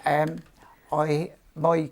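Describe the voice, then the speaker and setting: He speaks very slowly in a higher voice with completely flat delivery. A Cork native in his seventies whose accent London has softened, he's an interview guest recounting rambling, self-effacing memories of his young days, peppered with ums and restarts.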